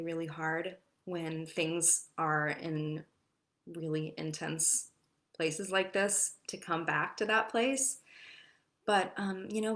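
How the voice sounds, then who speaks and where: A woman meditation teacher talking casually and reassuringly before a guided meditation, gentle, with frequent sighs. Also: low-pitched, vocal fry.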